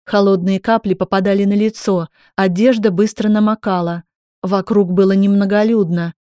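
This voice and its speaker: A woman reading a dramatic story aloud in the first person, steady and measured. Her tone is mellow and dark, at a middle pitch. The recording is dry, with no room sound. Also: no room sound. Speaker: narrator. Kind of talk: audiobook narration.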